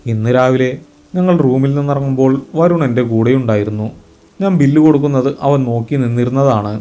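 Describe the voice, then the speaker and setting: A man's voice: medium pitch, fairly quick, mellow, natural voice. A man voicing a young male college friend who talks in a trembling voice, close to tears. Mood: shaken.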